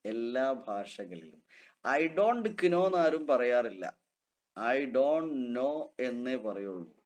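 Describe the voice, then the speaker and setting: A man teaching an online Quran reading class, patiently repeating key terms slowly for his students. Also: mid-range voice, darkish tone.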